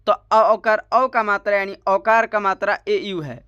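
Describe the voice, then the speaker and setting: A man teaching a step-by-step spoken lesson, slow and repetitive, often asking a question and then answering it himself. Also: sits high, fairly even intonation, sharp tone, clear, resonant tone, no echo, highs cut off.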